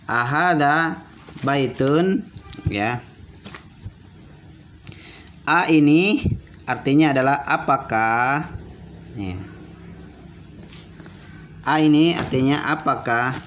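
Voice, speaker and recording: A man teaching basic Arabic to children, repeating words slowly and checking that they understood. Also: fairly high pitch, fairly bright tone. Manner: repeats words slowly and asks questions back. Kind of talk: classroom lesson for children. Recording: dull lo-fi audio with faint room noise.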